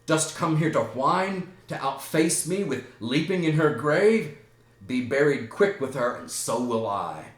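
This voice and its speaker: A man voicing a grief-wild young prince, declaiming loudly and rising to outbursts. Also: on the low side, lively intonation, measured pace, few pauses, reverberant. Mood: raging.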